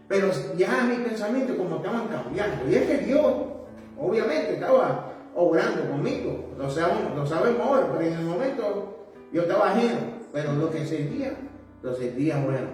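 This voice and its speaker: A man, speaking a little high for a man, shares his testimony in a halting, earnest way. The mic sits well away from him in a strongly reverberant room. Soft music plays in the background. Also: far from the mic. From Puerto Rico. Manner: halting and earnest, with frequent tag questions. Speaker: evangelist giving his testimony. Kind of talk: personal testimony in an interview.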